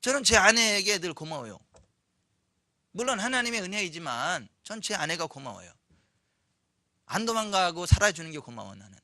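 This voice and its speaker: High bright-voiced male pastor preaching. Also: normal speed, long pauses, dry recording. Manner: animated storytelling, acts out quoted voices, asks the congregation questions. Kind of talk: sermon. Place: church sanctuary.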